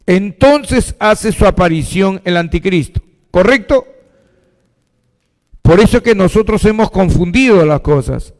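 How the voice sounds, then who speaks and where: A male pastor delivers a sermon in a voice that sits high for a man. He keeps throwing questions at his congregation and answering them himself. His words trail off into a long reverberant echo. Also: animated, measured pace. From Peru.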